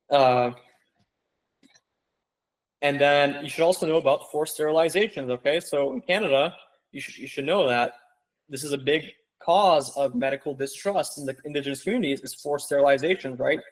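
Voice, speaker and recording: A young man with a slightly high voice runs an online interview-prep session. He talks in an animated, conversational way, leaning on emphasis and rhetorical questions to drive his points home. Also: low-quality recording. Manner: casual, conversational. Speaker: medical school interview coach. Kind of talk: online info session lecture.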